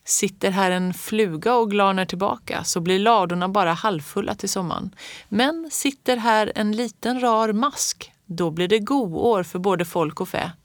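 Woman voicing a calm folksy old countryman. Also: medium pitch, no room sound, close to an everyday voice. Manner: unhurried, homespun storytelling.

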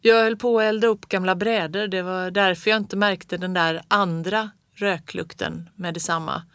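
A storyteller voicing Fritjof, a gruff, blunt farmhand in a storybook, with a slow, drawling delivery that builds into roaring. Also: mid-range voice, steady tone, fairly bright tone, no echo, clean studio sound, lightly acted. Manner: slow, drawling, grows into a roar. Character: gruff grown man, a farmhand, blunt and stubborn. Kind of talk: storybook read-aloud.

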